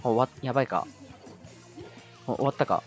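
A man giving live commentary over his own gameplay, excitable, yelling at tense moments and adding self-mocking asides. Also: medium pitch, brisk, faint music behind.

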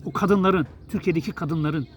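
Talking straight to viewers at a moderate pace, this man's voice is on the high side, with a little hiss or hum in the recording. He's a middle-aged journalist and writer from Turkey, and his monologue rambles bluntly and with exasperation, repeatedly restarting.

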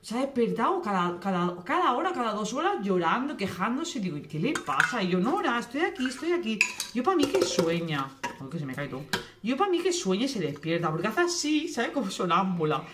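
A young woman vlogging casually from her home kitchen, talking quickly and cutting herself off mid-sentence. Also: medium pitch, sing-song, background noise. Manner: fast, chatty, self-interrupting. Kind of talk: casual kitchen vlog chat. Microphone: camera on tripod.

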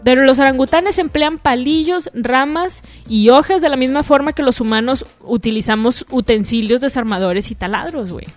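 A woman's voice: high voice, moderate pace, few pauses. A young woman with a Mexican accent hosting a casual solo radio show, chatty and full of slang and swearing. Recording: music playing faintly behind.

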